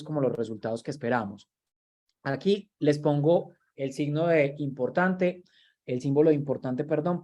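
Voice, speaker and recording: A man's voice: fairly high pitch, darkish tone. A man, giving an online training lecture over a video call. He talks in a conversational way and often repeats words while he looks for the next one. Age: 30s. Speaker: university lecturer and workshop trainer.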